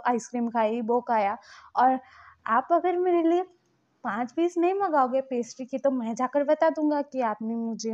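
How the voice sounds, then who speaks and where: A bratty young man, sulky and pouting, whines and scolds in a high, raised voice, as a woman puts him on. He bargains like a spoiled child, and the recording sounds a little dull and muffled. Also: darkish tone, natural voice. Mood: pleading, bargaining. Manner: whiny, petulant scolding. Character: childish young man, pastry-obsessed, throws tantrums.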